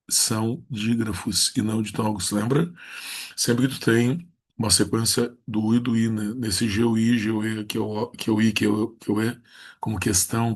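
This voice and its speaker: A man, teaching Portuguese rules in a recorded lesson. He draws out each example word slowly and then states the rule in a flat tone. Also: on the low side, husky.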